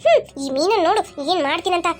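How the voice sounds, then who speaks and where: A woman voicing a harsh, scolding aunt in a cartoon, over loud background music. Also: very high voice, very animated, fast. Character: harsh scolding aunt, cruel stepmother type. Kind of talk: cartoon voice acting.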